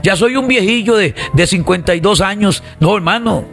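Fervent Costa Rican preacher, high voice. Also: male voice, moderate pace, vocal fry, a bit bright, faint music behind. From Costa Rica. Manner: fervent, repetitive calls to the congregation. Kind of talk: online sermon.

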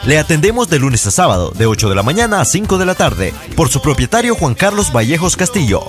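An animated male announcer reading a radio commercial in a fairly high voice. Light music plays behind him. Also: fast talker.

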